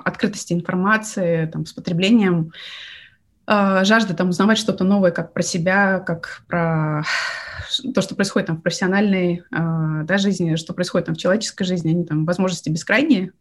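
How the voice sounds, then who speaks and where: A woman executive as an interview guest, speaking reflectively and haltingly with heavy use of fillers. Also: on the low side, fairly even intonation. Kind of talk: casual interview chat.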